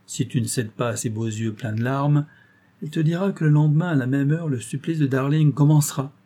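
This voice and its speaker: A man's voice: mid-range voice, fairly quick, warm tone, pitched above the performer's own voice, natural voice. A man voicing a gloating, cruel master criminal in an audiobook, taunting and menacing. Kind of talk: audiobook reading.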